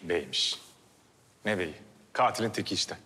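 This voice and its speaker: A man's voice: low-pitched, animated, moderate pace, sharp tone, husky, long reverb tail, heavily acted. An actor playing a bitter, defiant captive who accuses his captors.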